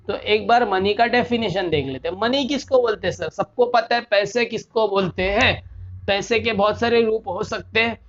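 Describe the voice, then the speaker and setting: Man lecturing, repeating key terms. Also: sits high. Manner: asks rhetorical questions and repeats key terms. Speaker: commerce lecturer. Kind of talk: classroom lecture. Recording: dull lo-fi recording.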